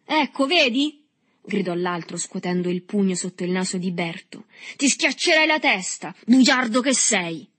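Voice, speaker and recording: A woman voicing a burly, dim, brutal older boy who mocks and shouts at the others. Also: on the low side, completely flat delivery, fairly quick, few pauses, breathy edge. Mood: jeering. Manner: jeering shouts.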